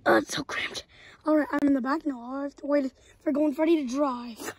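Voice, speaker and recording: A woman's voice: high voice, fairly even intonation, a little fast, dark tone, a little hiss or hum, lightly acted. A woman voicing a hot-tempered male animatronic fox plush in a toy skit, talking brashly and cursing. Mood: sneaky.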